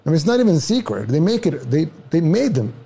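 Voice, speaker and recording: A man's voice: fairly high pitch, big pitch swings, fast talker, mellow, slightly rough. Emphatic man. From El Salvador. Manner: emphatic, repeats himself. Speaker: interview guest. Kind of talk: clip of a political interview.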